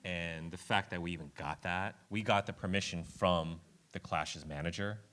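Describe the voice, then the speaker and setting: Very deep-voiced man, relaxed and chatty. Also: moderate pace. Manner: relaxed, chatty, thinks aloud. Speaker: film director. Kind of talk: casual festival Q&A answers. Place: film festival screening.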